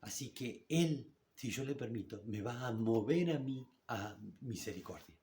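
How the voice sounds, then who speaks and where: A man with an Argentine Spanish accent preaching a sermon in church, in a conversational way that slows down to read scripture aloud. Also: mid-range voice, expressive, mellow. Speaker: pastor.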